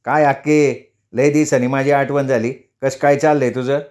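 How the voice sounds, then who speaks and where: A male storyteller playing a hot-tempered village taxi driver, blustering and quick to snap. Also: mid-range voice, flat delivery, darkish tone, close to an everyday voice. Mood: chatty.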